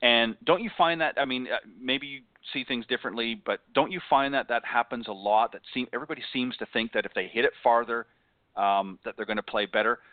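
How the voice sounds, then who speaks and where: A man's voice: medium pitch, fairly quick, no room sound. A man co-hosting a golf show, talking in a rambling way, often restarting and backtracking. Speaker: co-host. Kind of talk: casual chat. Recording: dry, tinny phone-like sound.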